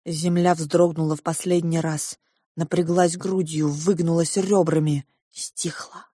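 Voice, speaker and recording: Slow, deliberate woman narrating a story. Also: sits low, little pitch movement, dark tone, breathy edge, no room sound, clean studio sound. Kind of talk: audiobook narration.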